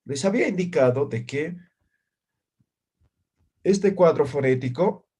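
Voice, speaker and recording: Slow, husky male language teacher. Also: on the high side, expressive. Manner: patient, ends phrases with "¿ya?" and "¿no?"; models syllables loudly and distinctly. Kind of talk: online class.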